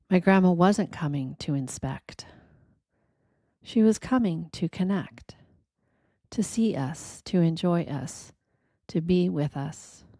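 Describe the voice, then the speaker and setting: A woman gives a quiet, reflective scripted reading in a gentle, deliberate manner, leaving pauses between short phrases. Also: fairly low pitch, no room sound, studio quality. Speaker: narrator of a reflective spiritual reading.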